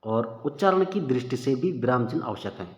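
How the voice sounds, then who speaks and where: A chatty male teacher going through exam questions in an easygoing, informal way, often calling his listeners "bhai." His voice sits at an ordinary middle pitch. The recording is dull and lo-fi, with a long, echoing reverb. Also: expressive, a little fast. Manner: chatty, addresses viewers as "bhai", thinks aloud. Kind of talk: casual exam-prep lesson. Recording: echoey room with long reverb, dull lo-fi sound.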